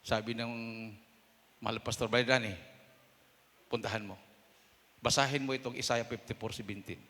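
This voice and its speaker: A Filipino man preaching a sermon testimony, telling a story and acting out quoted voices with sudden loud bursts. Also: medium pitch, steady tone, normal speed. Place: church hall. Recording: long hall reverb.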